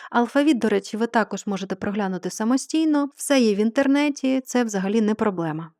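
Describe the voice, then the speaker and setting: A woman gives an online French lesson in a patient, clear voice that sits a little high. She stretches her example words out slowly. The sound is close and dry. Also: animated, a little mellow, no room sound. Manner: slow, drawn-out model words. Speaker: French teacher.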